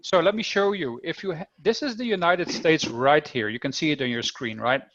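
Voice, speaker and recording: Slightly fast and a bit bright, this higher-pitched Dutch man keeps things upbeat and talkative while teaching kids to code online, speaking right to them. The highs in the audio are cut off.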